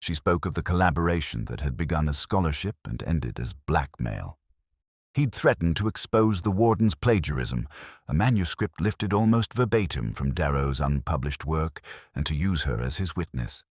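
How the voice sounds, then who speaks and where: Narrating a literary mystery as "I," a man with an extraordinarily deep voice speaks in a brooding, deliberate way. His intonation still moves vividly, and the recording is close-miked and dry, with no reverb.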